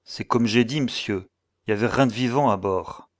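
A man voicing a gruff old male whaler who speaks in rough, colloquial sailor's talk in an audiobook. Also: mid-range voice, normal speed, natural voice. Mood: defensive.

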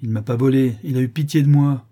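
A man's voice: medium pitch, fairly even intonation, quick pace, warm tone, close to an everyday voice. A man reading aloud and voicing a blinded, hulking murderer gone desperate and pleading.

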